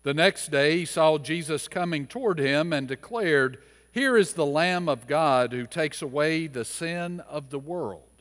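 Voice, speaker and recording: Unhurried preacher in a reverberant church. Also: male voice, a little high, a bit bright. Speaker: pastor. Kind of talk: scripture reading and sermon. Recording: long reverb of a church hall.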